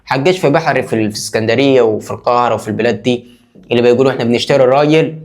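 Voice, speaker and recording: Sarcastic, fast-talking Egyptian man. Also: mid-range voice. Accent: Egyptian Arabic. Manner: sarcastic, mock-indignant. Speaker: comedic commentator. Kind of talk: comedy reaction commentary.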